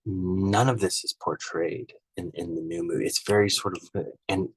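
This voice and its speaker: A man's voice: deep voice, steady tone, normal speed, husky, dry recording, rough recording. A man casually comparing films, rambling and conversational, frank and opinionated, often ending his points with "right?". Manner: frank and opinionated, easily irked. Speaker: film reviewer. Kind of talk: casual spoken film comparison.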